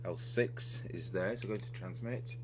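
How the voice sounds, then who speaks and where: Deep-voiced and measured, a man talks through fixing a radio at his indoor workbench. His unscripted demonstration moves step by step with some hesitation, and electrical hum makes the recording clearly noisy.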